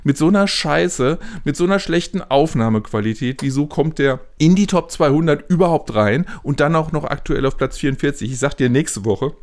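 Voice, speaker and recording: A man's voice: a little high, a little fast, few pauses, darkish tone. A man co-hosting a podcast, chiming in with grumpy, dry remarks. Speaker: podcast co-host. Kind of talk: casual podcast banter.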